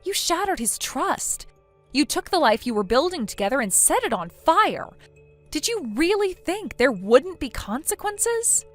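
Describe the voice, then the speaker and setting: This is a blunt female friend who scolds and lectures without softening anything. A text-to-speech woman reads her in a slightly high voice. Faint music plays underneath. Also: big pitch swings, unhurried. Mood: indignant. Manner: stern, lecturing.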